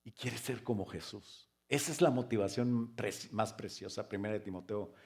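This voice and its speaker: A man preaching a sermon as pastor, firing rhetorical questions and joking asides, now loud and emphatic, now quiet. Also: lowish voice, normal speed. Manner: swings between loud emphatic stress and soft quiet stretches.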